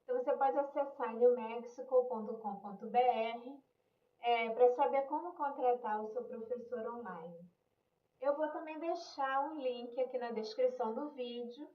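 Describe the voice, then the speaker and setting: Brief: woman, Brazilian accent, patient English teacher, slightly high voice, roomy and slightly muffled recording. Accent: Brazilian Portuguese. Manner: explains patiently, mixes English and Portuguese, frequent "né?" and "ok?". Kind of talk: online language lesson.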